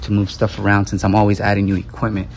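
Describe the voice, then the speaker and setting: A man with a lowish voice talks fast to camera, loading his photo booth equipment by a vehicle outdoors, and the recording is very noisy. His casual vlog is energetic and playful, full of self-hype.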